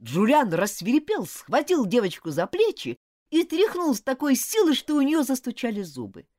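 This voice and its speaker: Woman reading a kids story aloud, expressive, very dry sound. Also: sits high, moderate pace, dry recording. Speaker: narrator. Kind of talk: audiobook narration.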